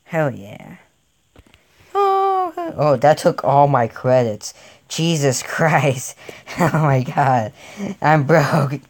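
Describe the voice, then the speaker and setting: Excitable young male gameplay commentator. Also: medium pitch, takes it slowly. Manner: rambling, easily excited, jokey. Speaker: gaming channel host.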